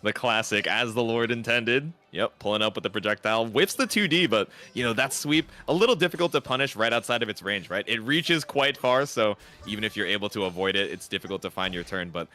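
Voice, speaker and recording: Male esports caster, bright tone, very animated pitch; analytical play-by-play with bursts of hype. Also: fairly quick, few pauses. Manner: analytical, excitable, gamer slang. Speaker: esports commentator. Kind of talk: fighting game play-by-play commentary.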